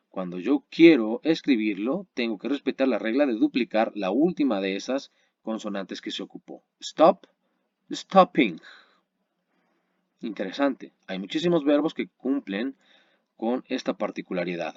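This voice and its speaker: Lively-voiced man teaching a grammar webinar. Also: fairly low pitch, dry recording, lo-fi sound. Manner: explains patiently, checks in with "¿sale?" and "¿vale?"; slows down to spell and model English words. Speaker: English teacher.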